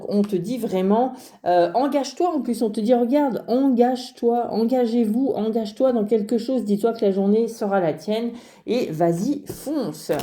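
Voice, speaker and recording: Lady doing a tarot reading, very dark mellow tone, lots of euh and restarts. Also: fairly high pitch. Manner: hesitant, many fillers and restarts, addresses viewer directly. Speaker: card reader. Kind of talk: casual spoken tarot reading.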